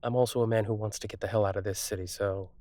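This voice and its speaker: A streetwise male thief on the run, acted by a man in an intimate audio role-play. His voice sits fairly low, in a dry, close recording. He speaks casually and wryly to his partner, pausing to think as he goes. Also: fairly even intonation, mellow, dry recording, lightly acted. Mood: playful, wry. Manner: wry, casual, halting with thoughtful pauses. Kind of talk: conversational audio role-play acting, addressed to the listener.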